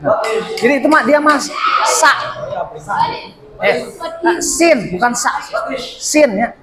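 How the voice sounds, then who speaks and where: Speaking slowly in a very high, animated voice, this Sundanese-accented man gives English classroom instruction. He coaches his students and repeats words for drilling while their chatter fills the noisy room.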